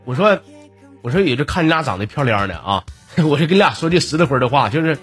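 Lively Northeastern Chinese man telling jokes. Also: medium pitch, fast, soft background music. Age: 30s. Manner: chatty, joking, laughs between lines. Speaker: comedy podcast host. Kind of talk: storytelling jokes.

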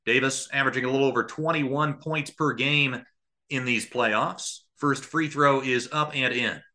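Here a man speaks at normal speed with a medium pitch, steady delivery and a sharp tone. He's a radio commentator doing live basketball play-by-play, giving a running present-tense call in short phrases plus some analysis.

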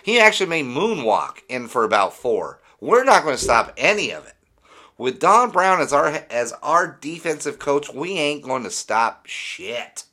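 A man's voice: fairly high pitch, sing-song, unhurried, pushed and bright. A man hosting a fan podcast, ranting in an exasperated, sarcastic way with plenty of swearing. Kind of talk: sports fan rant.

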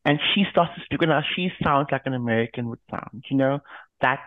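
A man's voice: mid-range voice, a little fast, dry recording. A man co-hosting a casual chat, rambling with many restarts and fillers. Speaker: podcast co-host. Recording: tinny phone-like line, dry.

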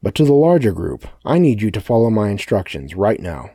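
A man voicing a commanding, menacing male ringleader with a loud, theatrical delivery. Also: fairly low pitch, big pitch swings, brisk, slightly rough, no room sound, studio quality, pitched above the performer's own voice, exaggerated voice.

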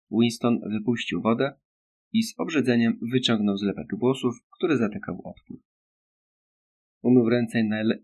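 Reading an audiobook script, a man with a fairly low voice narrates in a steady, measured way.

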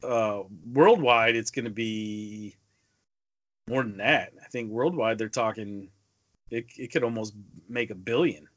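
An unhurried co-host with a fairly low, fairly bright voice talks emphatically on a casual movie podcast, repeating himself to make his points land. The recording is dry, dull lo-fi podcast audio.

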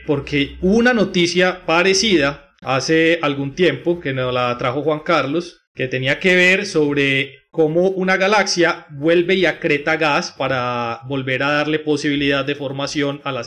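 A man, an astronomy professor chatting and explaining news on a podcast in an animated, jokey way. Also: on the high side, unhurried, few pauses. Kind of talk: casual podcast chat.

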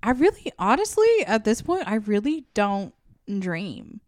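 A woman's voice: mid-range voice, very animated, measured pace, dry recording. A young woman co-hosting a comedy podcast, reacting to her friend's story with gasps, laughs and teasing questions. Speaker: podcast co-host. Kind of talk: casual chat.

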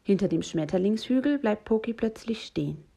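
A woman reading a children's bedtime story aloud, soft and gentle, often hushed. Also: mid-range voice, animated, brisk, vocal fry, slightly rough. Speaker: reader.

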